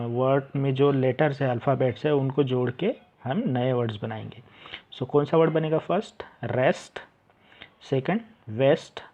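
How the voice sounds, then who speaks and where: Slow-talking male teacher, dull recording. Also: mid-range voice, mellow. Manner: slow, repeats words aloud, mixes Hindi and English. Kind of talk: textbook explanation lesson.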